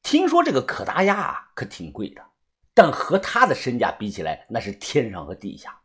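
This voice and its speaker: A man narrating a first-person audiobook story in a lively, swinging storyteller manner. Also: mid-range voice, moderate pace, breathy edge.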